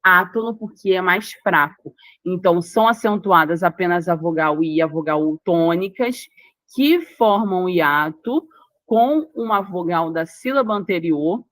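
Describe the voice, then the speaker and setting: Her pitch fairly low and her intonation lively, this woman speaks a little slowly with a fairly bright tone and no echo. She has a Brazilian Portuguese accent and walks through exam-prep grammar rules step by step, repeating key words and making sure the listener keeps up.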